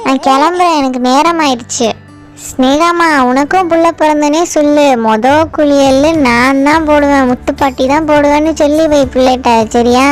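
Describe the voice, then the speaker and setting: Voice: high voice, close to an everyday voice. A performer voicing a bossy, fussy old grandmother who scolds and coaxes while bathing babies, in a doll play-acting drama.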